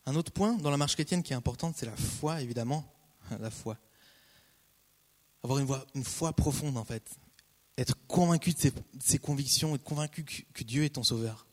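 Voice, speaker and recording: A man preaching a casual, conversational sermon, repeating key phrases and breaking off into lively asides. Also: mid-range voice, normal speed. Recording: long hall reverb.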